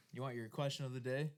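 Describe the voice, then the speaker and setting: A man co-hosting a casual podcast, talking with a slight lisp and telling rambling, profane, joking stories. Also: mid-range voice. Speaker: podcast co-host. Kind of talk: casual chat.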